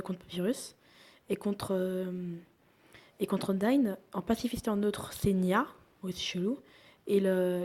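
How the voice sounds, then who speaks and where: A woman's voice: mid-range voice, warm tone. A young woman giving casual commentary over a video game she is playing, chatty, often dropping to a whisper as she plays. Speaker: gaming YouTuber.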